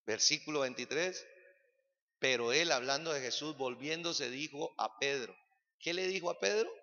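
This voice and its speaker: A man preaching to his congregation, throwing out one rhetorical question after another. His voice sits high, bright and edged with gravel. The recording carries a long reverb from the church hall and sounds muffled and lo-fi. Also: moderate pace. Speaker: pastor. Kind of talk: sermon. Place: church sanctuary.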